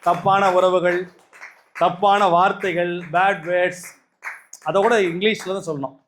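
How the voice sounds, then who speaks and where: A man with a Tamil Nadu accent preaches to his followers in a raised, high voice. He hammers points home with repetition and rhetorical questions, calling out to the listeners directly. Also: steady tone, normal speed, a bit bright, a little hiss or hum. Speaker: spiritual speaker. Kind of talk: spiritual talk to followers.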